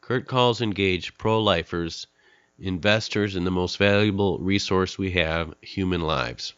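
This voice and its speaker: A man's voice: deep voice, a bit bright, clean tone, dry recording, dull audio. A middle-aged man hosting a podcast, speaking earnestly and candidly with a nasal, stuffed-up voice from a cold. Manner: earnest, candid, pauses with fillers. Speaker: podcast host. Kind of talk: podcast monologue introducing a guest.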